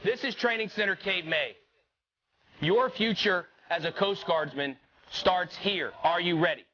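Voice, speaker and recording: A man's voice: high voice, unhurried, highs cut off, noisy background. An American man addressing recruits as a military instructor, in stern, commanding drill sergeant phrases. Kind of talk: formal motivational speech to recruits. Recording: loud music over the speech.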